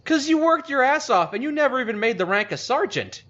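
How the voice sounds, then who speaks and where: A man with a high, very lively voice chats with a guest and slips in wry, teasing remarks. His voice is bright and sharp, and the stream audio sounds dull and lo-fi. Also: brisk. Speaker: streamer host. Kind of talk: casual chat, reacting.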